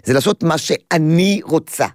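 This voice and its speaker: An older woman hosting a call-in radio show as a child therapist, explaining things in an animated way. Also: deep voice, no room sound, studio quality. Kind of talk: call-in radio advice talk. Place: radio studio.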